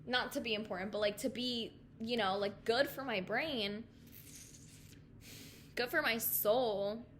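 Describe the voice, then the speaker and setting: Young woman, podcast host, earnest, emotional prayer, casual chat with fillers, fairly high voice, faint background noise. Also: unhurried, a bit bright.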